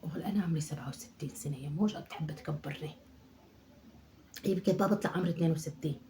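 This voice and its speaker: A woman performs a comic monologue sketch as a chatty, nagging mother in her sixties from Aleppo, fussing, scolding, and muttering prayers in an Aleppo Syrian Arabic accent. Her medium-pitched voice is warm and natural, moving at a quick pace, with a little hiss or hum in the background.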